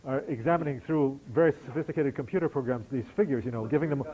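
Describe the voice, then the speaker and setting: A man's voice: mid-range voice, quick pace, phone-quality sound. A middle-aged American man answering audience questions after a lecture, conversational and wry, with frequent restarts. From United States. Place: lecture hall.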